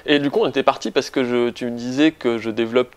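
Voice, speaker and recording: A man in his late twenties from Toulouse, France, is being interviewed as a photographer and chats casually, with a bit of self-deprecation. His mid-range voice holds a steady tone and moves fast. There's slight background noise.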